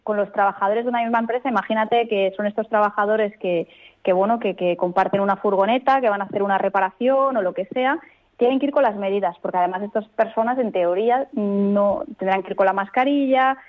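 A woman legal expert speaking as a radio guest, explaining rules in a clear, firm, methodical way. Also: medium pitch, brisk. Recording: tinny phone line.

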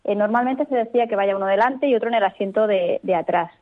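A woman legal expert speaking as a radio guest, explaining rules in a clear, firm, methodical way. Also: mid-range voice, fast. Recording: tinny phone line.

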